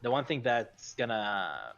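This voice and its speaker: A man co-hosting a casual gaming podcast, talking hesitantly with lots of pauses and restarts. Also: medium pitch, sing-song, creaky, a bit bright, highs cut off. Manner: hesitant, many fillers and restarts, laughs easily. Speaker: podcast co-host. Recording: faint music bed behind.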